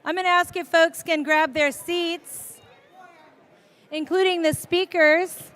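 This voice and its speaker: A woman's voice: extremely high pitch, fairly even intonation, slow pace, a bit bright. A woman emceeing an outdoor ribbon-cutting ceremony, upbeat and teasing as she coaxes the crowd into their seats. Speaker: emcee and transit board chair. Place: outdoor transit station ceremony.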